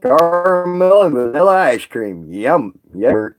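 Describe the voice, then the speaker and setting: Rambling, folksy man, higher voice. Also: big pitch swings, slow, soft background music. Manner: rambling, chatty, folksy, laughs often. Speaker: live streamer chatting with viewers. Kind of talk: casual live-stream chat.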